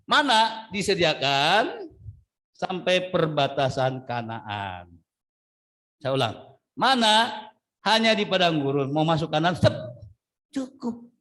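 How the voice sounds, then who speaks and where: Animated preaching man, lively high voice. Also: slow pace, pauses often. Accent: Indonesian. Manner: animated, jokey, acts out little scenes, calls on congregation. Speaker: pastor. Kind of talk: lively sermon.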